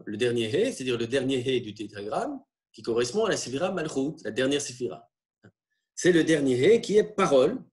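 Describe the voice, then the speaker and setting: A man lecturing on religious texts, explaining in a halting way with frequent tag questions. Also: medium pitch, darkish tone.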